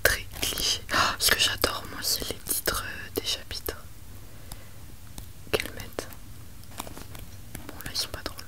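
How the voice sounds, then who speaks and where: A woman presents books in a hushed ASMR library whisper, chatty and rambling with self-mocking asides. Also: a little slow, long pauses. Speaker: ASMR video creator.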